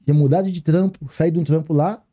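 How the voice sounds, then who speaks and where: A man with a Brazilian Portuguese accent, a podcast guest telling a story in casual chat, animated and slangy, acting out the dialogue. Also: a little high, fast talker.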